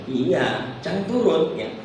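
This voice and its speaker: A man teaching a Quran recitation workshop, explaining the melody and chanting verses slowly for the group to repeat. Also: a little high, big pitch swings, a crowd in the background. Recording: echoey hall, distant mic.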